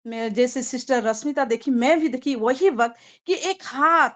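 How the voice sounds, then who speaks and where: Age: adult. Sex: woman. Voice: high-pitched. Style: heartfelt church testimony. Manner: earnest, thankful, often pausing with fillers; grows excited and loud when retelling a vision. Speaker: church member giving testimony.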